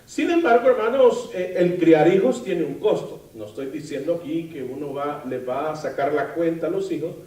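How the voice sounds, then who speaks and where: A man preaching a sermon as pastor, lively, asking the congregation questions and adding light humor. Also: a little high, moderate pace, hardly any pauses. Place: church sanctuary. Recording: roomy, from far off the mic.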